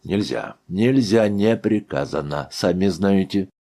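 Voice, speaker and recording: A man's voice: deep voice, animated, unhurried, warm tone. A man voicing a blunt male asylum guard who answers curtly and lectures. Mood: stern refusal. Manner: curt, lecturing.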